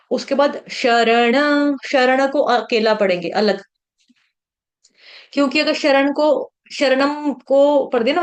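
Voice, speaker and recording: A slightly high-voiced woman leads a devotional scripture class. She chants the verses slowly, then patiently breaks down their pronunciation for her listeners. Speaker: Gita class teacher.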